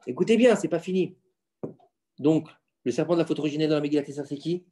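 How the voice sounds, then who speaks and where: A fairly high-voiced man teaching his children at home. He talks in an animated, insistent way, keeps firing questions at them and holds the floor. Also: quick pace. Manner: animated, quizzing listeners with questions. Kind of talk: casual Torah lesson at home.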